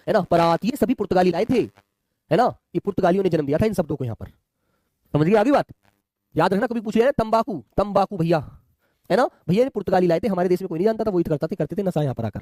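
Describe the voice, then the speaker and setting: Fast, high-voiced teacher. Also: male voice, darkish tone, no room sound, studio quality. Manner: chatty, calls students "my children" and asks them to answer. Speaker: exam coaching teacher. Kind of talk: live online class.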